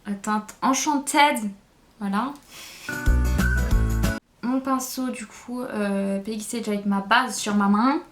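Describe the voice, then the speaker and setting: A woman's voice: fairly high pitch, slow, long pauses, over music. A woman vlogger chatting casually through a makeup tutorial, hesitant and thinking aloud as she goes. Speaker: beauty vlogger.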